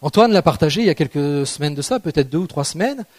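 Male preacher with a high voice, chatty and joking, checks in with the congregation often. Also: lively intonation, quick pace, a little mellow. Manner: conversational, asks the congregation rhetorical questions; playful, jokes with the audience. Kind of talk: sermon.

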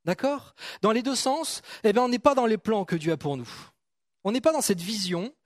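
A man preaching in a chatty, joking way, often breaking off and starting over as he talks to his congregation. His voice sits high for a man. The sound is close and dry, with no room echo. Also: lively intonation, normal speed. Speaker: pastor. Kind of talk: sermon.

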